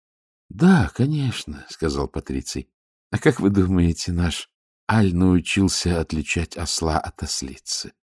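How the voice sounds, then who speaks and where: A man voicing a calm male ruler with a dry, ironic manner. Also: sits low, measured pace, husky, no room sound, full character voice. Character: cool, dry-witted city ruler, man.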